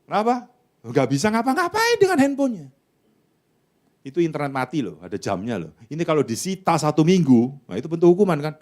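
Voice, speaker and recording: A middle-aged man with an Indonesian accent preaching a sermon, swinging between loud calls to the congregation and quiet asides, acting out parents scolding children. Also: fairly high pitch, huge pitch swings, fairly quick. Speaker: pastor.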